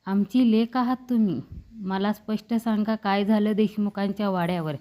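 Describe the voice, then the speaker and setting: A woman's voice: medium pitch, steady tone, moderate pace, mellow, natural voice. A woman voicing a caring, motherly older woman of the household who comforts the girl affectionately. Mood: soothing. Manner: soothing, affectionate.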